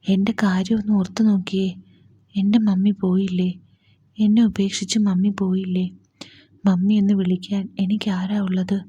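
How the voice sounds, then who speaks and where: A woman's voice: medium pitch, flat delivery, moderate pace, mellow, breathy edge, dull audio, close to an everyday voice. Woman whispering as a pleading young man. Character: young man grieving a lost mother. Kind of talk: whispered role-play.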